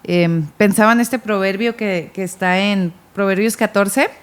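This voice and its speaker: A woman's voice: medium pitch, fairly even intonation, a little slow. Earnest woman discussing scripture. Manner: earnest, reads from her notes, repeats words when starting. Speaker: podcast co-host. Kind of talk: casual Bible discussion.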